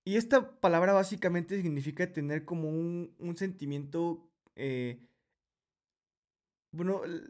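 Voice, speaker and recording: A man gives a casual Bible study, talking straight to the listener. He explains each point step by step in a conversational way. His voice sits a little high for a man. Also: darkish tone. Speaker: Bible teacher, podcast host.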